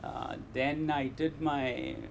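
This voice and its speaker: A man from Kerala with an educated, well-spoken Indian accent, giving measured, modest interview answers about his own life and work as a scientist. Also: mid-range voice, steady tone, vocal fry, background noise. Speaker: interview guest, meteor scientist. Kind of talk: interview answers, personal career story.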